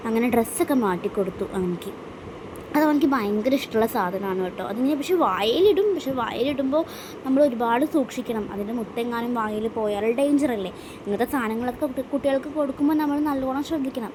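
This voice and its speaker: A woman's voice: fairly high pitch, noisy background. A young woman with a Keralan accent, narrating her family vlog in a chatty way, dotted with little tag words. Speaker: vlogger and mother.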